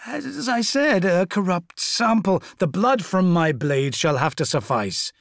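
A man's voice: sits high, lively intonation, a little slow, gravelly, no echo, clean studio sound, pitched above the performer's own voice, exaggerated voice. A man voicing a vain, volatile male serpent-bodied demigod who snaps and sneers. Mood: contemptuous. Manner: imperious, petulant, snapping.

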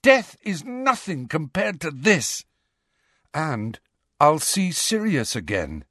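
A man's voice: a little high, big pitch swings, a bit bright, husky, dry recording, voice pushed up, full character voice. A shaken teenage wizard stammers out broken, desperate questions in a raised, trembling voice, as a man puts him on. The sound is close and dry. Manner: desperate, shaky and halting.

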